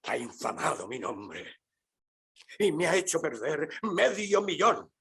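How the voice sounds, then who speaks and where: A bitter old merchant bent on revenge. His voice is rough and husky, and it swings widely from low, brooding lines to rising, defiant ones. He declaims every line with grim menace. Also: big pitch swings, takes it slowly, fairly bright tone, full character voice. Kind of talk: dubbed film drama.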